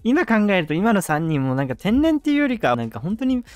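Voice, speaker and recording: A man's voice: high-pitched, huge pitch swings, fast, darkish tone, no room sound. A man hosting a casual reaction commentary, explaining English phrases with enthusiastic praise. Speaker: host explaining English in song lyrics.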